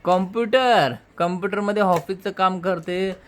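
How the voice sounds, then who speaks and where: A man in his thirties, a father and vlog host, gently and playfully questioning his small daughter in a casual home video. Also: high-pitched, normal speed, slight background noise.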